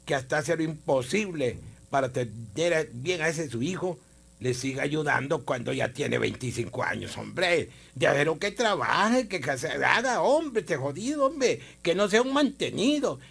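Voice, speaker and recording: A man playing a gravelly, scolding Honduran neighbor. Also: on the high side, big pitch swings, a little slow, fairly bright tone, exaggerated voice. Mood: indignant. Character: indignant neighborhood friend, bossy and protective. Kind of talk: radio drama acting.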